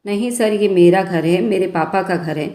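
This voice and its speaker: A woman's voice: mid-range voice, normal speed, warm tone, close to an everyday voice. A woman voicing a chatty, playful young female office worker in a bedtime story. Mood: warm. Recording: echoey room.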